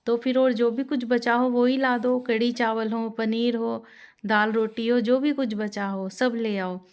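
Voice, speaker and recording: Storybook role: woman narrator voices gluttonous young bride, whiny and demanding, raised higher pitch. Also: steady tone, unhurried, a little mellow, clear, resonant tone. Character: young bride, greedy glutton, always whining for food.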